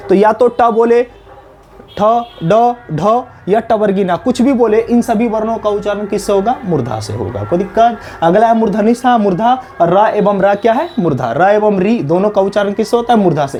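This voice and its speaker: High-voiced man teaching by call and answer. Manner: asks questions and answers them himself, repeating; drops low and soft on the repeated answer. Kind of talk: exam-prep lesson.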